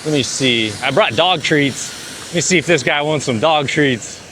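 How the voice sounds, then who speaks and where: A man's voice: fairly high pitch, moderate pace, bright, forceful tone, a little hiss or hum. A man chatting casually to camera as he rides a bike through city streets, laid-back and talkative. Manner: laid-back, chatty, says "dude" a lot. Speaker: vlogger. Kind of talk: casual vlog chatter while riding.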